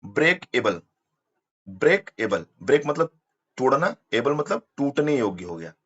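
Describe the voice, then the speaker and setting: A man's voice: medium pitch, very animated, a little slow, a bit bright, husky, dull audio. A man teaching an exam-prep English lesson, explaining step by step and spelling words out letter by letter.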